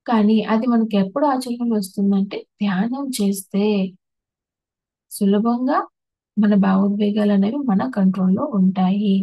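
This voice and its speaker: Gravelly, husky woman teaching meditation. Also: medium pitch, fairly even intonation, normal speed, no echo, dull audio. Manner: explains patiently, lists terms one by one with restarts. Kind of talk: spiritual talk on emotions.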